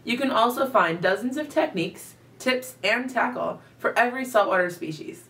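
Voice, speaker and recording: A woman reading a scripted promo for a fishing website in a bright, friendly manner. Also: on the high side, expressive, normal speed, far from the mic. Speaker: promo announcer.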